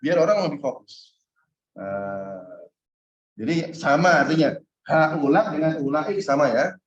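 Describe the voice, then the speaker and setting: A man's voice: on the high side, animated, measured pace. A man teaching an Arabic class, explaining step by step and checking in with his students, with an occasional chuckle. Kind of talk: online class lesson. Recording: roomy, muffled lo-fi sound.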